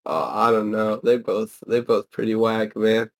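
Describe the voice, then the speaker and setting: A man's voice: on the low side, flat delivery, measured pace. A young man hosting a podcast, chatting casually and laid-back with heavy slang. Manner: laid-back slangy, says bro a lot. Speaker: podcast host. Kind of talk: casual chat.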